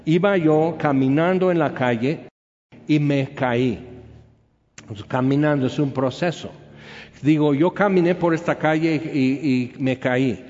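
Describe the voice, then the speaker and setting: A man's voice: a little high, a little mellow. A man teaching a Bible study class in a conversational way, often checking in with his listeners. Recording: echoey hall, dull sound.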